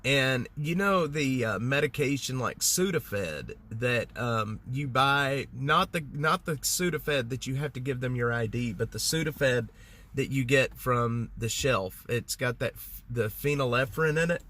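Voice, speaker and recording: A congested livestream host chats casually with viewers in a mid-range voice that is animated, bright, and forceful. He speaks at a measured pace but rambles, with plenty of fillers and restarts.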